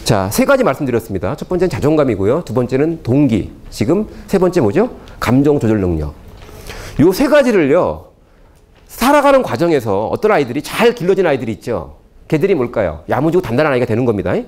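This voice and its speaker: A man giving a lecture to parents, constantly firing rhetorical questions at the audience. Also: quick pace. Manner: animated, swooping pitch.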